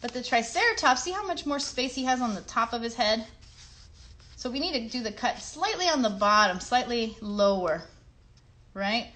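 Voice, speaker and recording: Hosting a craft show for kids, a woman speaks in a highish, pushed, bright voice, giving easy step-by-step directions encouragingly and posing questions to her young audience.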